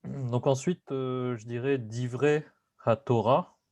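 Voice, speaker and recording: A man's voice: medium pitch, steady tone, slow pace, a little mellow, dry recording. A man answering in a language class, tentative and unsure of himself. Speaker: student.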